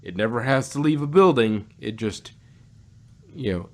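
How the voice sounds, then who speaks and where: A podcast co-host who reviews audio dramas chats casually, rambling and repeating his phrases. His voice is mid-range and animated, at a normal speed. Noticeable background noise runs through the recording.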